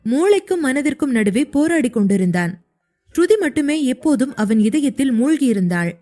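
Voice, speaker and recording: A woman narrating an audio story in an even, steady reading voice. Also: sits high, normal speed. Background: faint music.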